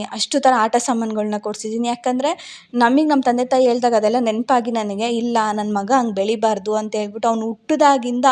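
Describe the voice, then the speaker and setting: Young woman vlogger with a rural Bangalore Kannada accent, slightly high voice, heartfelt reflective storytelling. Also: a little mellow. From Karnataka, India. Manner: heartfelt, reflective, repeats phrases while recalling. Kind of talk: personal storytelling vlog.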